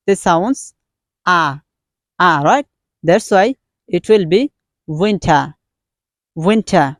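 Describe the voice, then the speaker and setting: A man's voice: high-pitched, dry recording, clean studio sound. A man from Bangladesh with a Bangladeshi accent, a Bengali speaker teaching English pronunciation in a casual lesson, repeating each word several times.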